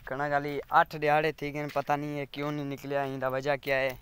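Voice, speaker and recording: A man's voice: on the high side, completely flat delivery, brisk, a bit bright, smooth. A man with a Saraiki accent, vlogging casually from outdoor farm fields on a phone camera and rambling on to his viewers. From Pakistan. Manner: rambling, chatty, keeps asking viewers to subscribe. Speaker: village vlogger. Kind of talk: casual walking vlog.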